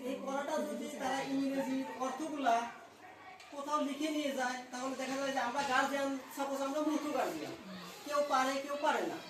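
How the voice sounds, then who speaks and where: A woman, a parent at a school meeting, earnestly explaining her point at length with restarts. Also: sits high. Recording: echoey room, voice from far off, noisy.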